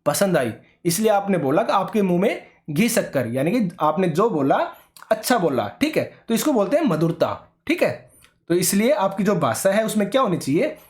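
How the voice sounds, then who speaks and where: A man's voice: high voice, very animated, moderate pace. A man teaching an online exam-prep lecture, explaining step by step and often checking in with his students.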